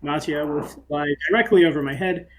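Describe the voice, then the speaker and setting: A man's voice: a little high, brisk, a little hiss or hum. A man playing a tabletop game, casually chatting and narrating his moves.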